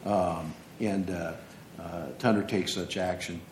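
A man's voice: deep voice, fairly even intonation, measured pace. A man serving as an appeals judge, asking counsel probing questions in an informal way. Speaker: appellate judge. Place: courtroom. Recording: echoey courtroom with faint noise.

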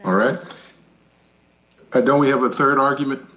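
A man presiding as judge, speaking formally and off the cuff in a measured, hesitant way. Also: medium pitch, sharp tone. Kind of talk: formal, unscripted courtroom remarks. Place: virtual court hearing. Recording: dull, muffled video-call audio.

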